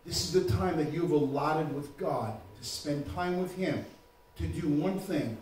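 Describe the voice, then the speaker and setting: A man preaching a sermon as pastor, moving between quiet talk and shouted preaching. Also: on the high side, measured pace, slight background noise. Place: church. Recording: echoey church room, mic far off.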